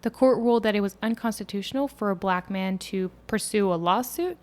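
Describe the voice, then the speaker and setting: A woman's voice: medium pitch, brisk. A woman from France co-hosting a scripted history podcast, reading prepared lines in turns with her co-host.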